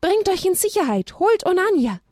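A caring mother donkey calls out in a high, urgent voice, played by a woman reading aloud. She is protective of her little ones, in a storybook for children. The recording is dry and close. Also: fairly even intonation, moderate pace, dark tone, no echo. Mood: frantic.

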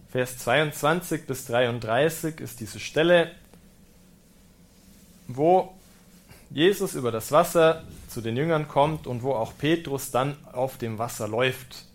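A male priest gives a sermon, reading scripture aloud and then reflecting on it. He explains patiently and calmly, with touches of gentle humor. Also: fairly high pitch. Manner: German-speaking preacher.

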